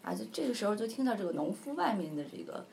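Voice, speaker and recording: A woman's voice: mid-range voice, big pitch swings, quick pace, gravelly, darkish tone, slight background noise. A woman telling a fairy tale in a casual, chatty way, with hesitations and fillers. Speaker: storyteller. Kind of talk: casual storytelling.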